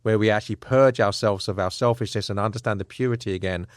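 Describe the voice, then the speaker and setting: A man's voice: fairly low pitch, fast talker, dry recording, clean studio sound. A man being interviewed as an author and scholar, telling stories earnestly and conversationally with many restarts. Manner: frequent fillers and restarts, earnest.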